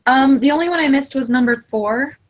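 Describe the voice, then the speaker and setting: Woman in a study group, fairly high voice, short direct questions. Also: a little fast, poor audio. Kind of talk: casual group study chat.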